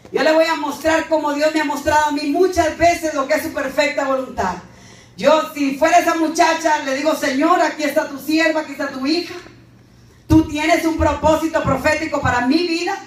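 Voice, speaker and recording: A woman preacher from Guatemala with a Guatemalan accent, giving a fervent, emphatic sermon straight to her congregation. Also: sits high. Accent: Guatemalan Spanish. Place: church. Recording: echoey church hall, mic far off, faint noise.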